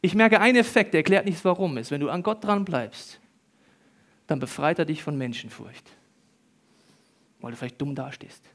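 A male pastor delivers a sermon in an animated storytelling style. His somewhat high voice jumps from loud, excited bursts to hushed, quiet lines as he acts out the people he quotes. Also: normal speed, pauses often.

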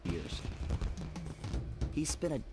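A man's voice: drawn-out words, over music. A man giving scripted narration in a game cutscene, his audio dropping in and out at uneven volume. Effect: game audio cutting in and out, uneven volume.

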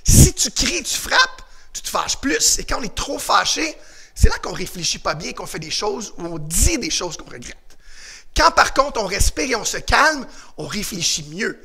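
A man coaches a children's karate class with shouted commands and call-and-response. His voice sits high and bright, with a gravelly edge and a husky grain. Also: very animated, moderate pace. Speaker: karate and kickboxing instructor. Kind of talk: energetic class instruction for children on video.

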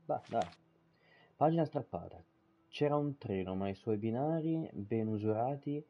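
Man, casual swearing, stumbly reads, husky, muffled mic. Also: fairly low pitch. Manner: swears casually, stumbles over words while reading. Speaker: streamer playing a game. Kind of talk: live gameplay commentary and reading in-game texts aloud.

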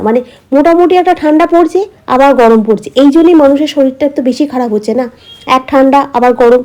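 Quick-talking woman vlogger, dark-toned. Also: high voice. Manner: chatty, explaining daily routine to viewers. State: slight cold, throat a bit hoarse. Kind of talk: casual chat to viewers.

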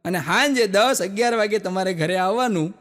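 A man's voice: high-pitched, fairly quick, fairly bright tone. A man with a Gujarati accent doing stand-up, telling jokes and stories in a chatty way with asides to the audience. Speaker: stand-up comedian. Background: audience laughter.

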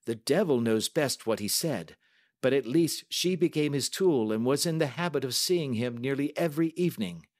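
A man reading a story aloud and voicing a calm, stern detective who explains things in a measured, authoritative way. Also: medium pitch, lightly acted. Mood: composed. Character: calm, stern, self-assured male detective.

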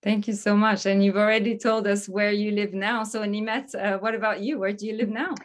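A woman's voice: medium pitch, fairly even intonation, brisk. Woman, thirties, online talk host, upbeat and welcoming, laptop mic on a video call. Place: home office. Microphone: laptop webcam on a video call.

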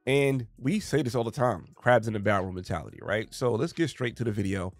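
A commentary channel host in his thirties, getting over a cold, reacts to a clip from his small home studio, using a studio mic on a boom arm and headphones. He fires off emphatic rhetorical questions. His male voice is lowish and brisk, with no room sound and faint music in the background.

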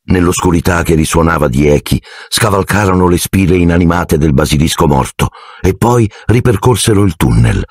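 Deep, husky male audiobook narrator. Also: dry recording. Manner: dramatic, expressive reading.

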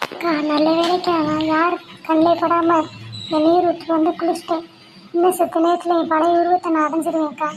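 A woman voicing a frightened younger sister turned into a ghost, calling urgently for her elder sister, in a noisy recording. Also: very high-pitched. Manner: pleading, urgent.

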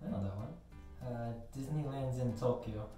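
A man's voice: medium pitch, normal speed, mellow. Very echoey young man. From United States. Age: young adult. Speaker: vlogger, quiz contestant. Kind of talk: casual chat. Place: small bathroom, sitting in tub. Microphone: camera a few steps away. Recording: echoey bathroom, distant microphone, music behind.

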